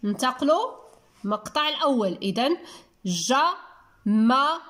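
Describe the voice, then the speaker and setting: A woman's voice: high voice, expressive, fairly bright tone. A woman with a Moroccan accent teaching a reading lesson to young children, patiently stretching out words syllable by syllable. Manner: drawn-out, syllable-by-syllable word spelling. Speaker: primary school teacher.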